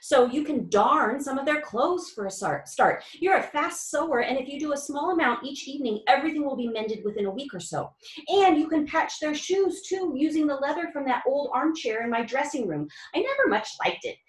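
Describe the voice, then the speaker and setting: A woman voicing a calm, clever, food-loving male mouse who speaks in a reassuring, measured way, in a storybook reading. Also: sits high, voice pushed up. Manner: reassuring, measured and pleased with himself. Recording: roomy echo.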